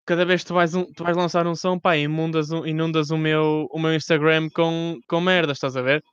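A man's voice: fairly high pitch, flat delivery, moderate pace, a bit bright, clean tone, dry recording, lo-fi sound. A young man with a European Portuguese accent chatting casually as an interviewer, informal and full of slang and swearing. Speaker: podcast host interviewing a rapper.

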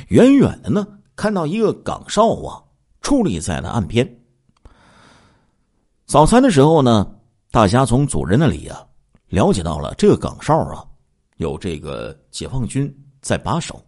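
A male storyteller narrates a crime tale with dramatic, drawn-out phrasing. His voice sits low yet leaps and dips in wide, animated swings. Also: vocal fry. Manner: animated, draws out phrases with 啊 and 呢 particles.

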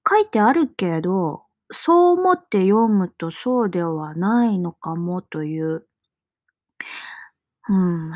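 Solo woman host, unhurried and reflective, slipping into soft murmurs, dry close recording. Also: medium pitch, no echo. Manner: slow, musing, trails off into soft near-whispered asides. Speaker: solo podcaster. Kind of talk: casual reading-log monologue.

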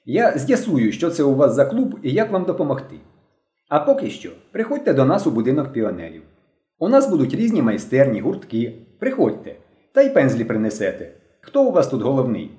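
A man voicing a stern but cheerful seventeen-year-old girl who leads young pioneers, in a brisk, commanding way. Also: mid-range voice, huge pitch swings, warm tone, pitched above the performer's own voice. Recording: roomy echo.

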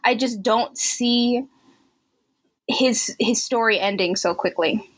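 A young woman co-hosting a podcast in casual chat, animated, acting out reactions in loud quotes and laughing often. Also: on the high side, takes it slowly, husky. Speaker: podcast co-host.

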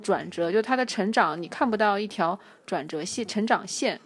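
A woman co-hosting a casual chat podcast about a TV drama, relaxed and opinionated, laughing as she defends her view. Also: medium pitch, moderate pace, husky. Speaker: podcast co-host.

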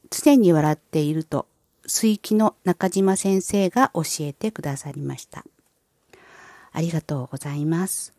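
A woman with a soft-edged, mellow and slightly low voice presents a scripted wellness guide. She speaks in formal, polite sentences with measured phrasing, leading listeners through visualization steps. The sound is dry and close, with very little room. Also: dry recording. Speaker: host of a wellness and spirituality channel.

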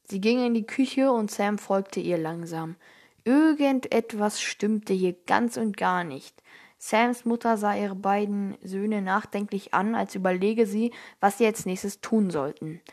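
A woman narrating a children's story in a calm, even reading voice. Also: medium pitch, unhurried.

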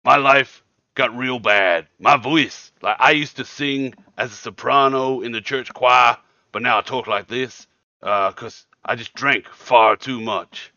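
A man voicing a boisterous, overfriendly leader of an anti-drink protest group, talking loudly and rambling. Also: mid-range voice, measured pace, no room sound, lo-fi sound. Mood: eager.

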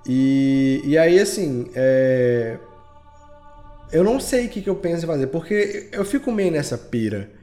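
A podcast creator being interviewed, this man speaks with a Brazilian accent at a measured pace, his voice a little high, mellow and animated. He chats casually and informally, using lots of slang, while music plays behind him.

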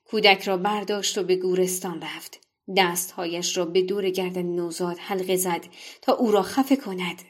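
A woman narrating a folktale in a measured, expressive reading voice. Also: on the low side. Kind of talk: scripted storytelling narration.

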